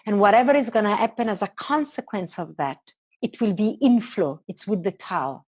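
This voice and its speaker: Husky and mid-range, with big pitch swings at normal speed, an Italian-accented woman from Italy shares spiritual teaching in an interview. She's earnest and expansive, assembling her thoughts phrase by phrase.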